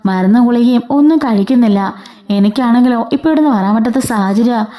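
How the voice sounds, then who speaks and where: A woman's voice: on the high side, fairly quick, warm tone, natural voice. A woman voicing a caring young woman who comforts others but speaks firmly. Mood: concerned.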